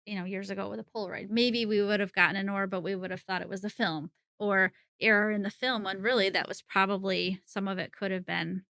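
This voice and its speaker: A middle-aged woman talks as a podcast guest in a casual, chatty way, often laughing mid-sentence. Her voice is bright and forceful, recorded dry and close with little room sound. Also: medium pitch, steady tone, brisk, vocal fry, hardly any pauses, no echo. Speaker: psychic medium guest. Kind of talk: casual interview conversation.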